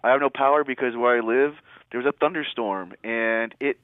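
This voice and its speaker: A man calls into a podcast on an old landline phone, so his voice comes through thin and boxed in like a phone line, with no room sound at all. His pitch sits in a middle range. As a co-host he rambles and keeps circling back to his point. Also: fairly quick, dry recording. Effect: calling in over an old landline phone. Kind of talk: casual podcast chat about fights. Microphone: old rotary landline handset.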